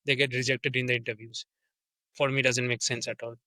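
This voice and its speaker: A young man with an Indian accent, a sales development representative, is a guest in a casual interview describing his work. His mid-range voice is level yet sharp, fairly quick, with no room sound, and he speaks earnestly with many restarts and fillers.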